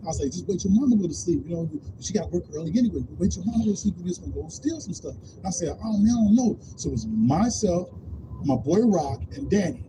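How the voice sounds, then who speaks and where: High-voiced man telling a wild story. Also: fast. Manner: animated, acts out quotes in different voices. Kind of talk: casual stand-up style storytelling. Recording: noisy live stream.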